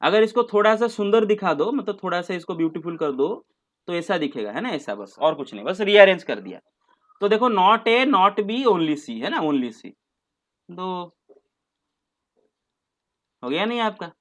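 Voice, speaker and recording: A man's voice: high voice, very animated, measured pace, pauses often. A man teaching a maths class online, patient and coaxing, mixing English terms into his talk and calling students "beta".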